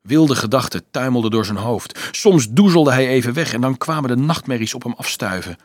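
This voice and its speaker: A man reading a novel aloud in a calm, measured narration. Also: mid-range voice, no echo, studio quality. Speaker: audiobook narrator. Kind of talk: scripted narration.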